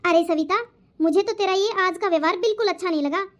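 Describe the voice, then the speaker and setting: A woman's voice: very high voice, fast, dull audio. A woman voicing a blunt, lecturing aunt. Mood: reproachful. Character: outspoken older aunt, blunt but fair-minded. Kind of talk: cartoon voice acting.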